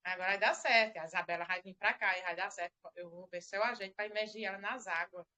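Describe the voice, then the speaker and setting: Her voice sits in the mid-range, quick, bright and forceful. This middle-aged woman, a church member, delivers a rambling, repetitive testimony of faith over a live stream.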